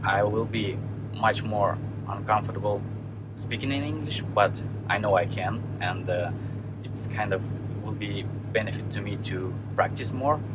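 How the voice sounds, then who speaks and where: Loud truck and outdoor noise surrounds a Russian-accented man from Kazakhstan as he narrates his trucking vlog casually, both in the yard and in his truck. His pitch is fairly low, and he speaks haltingly, searching for words in his second language.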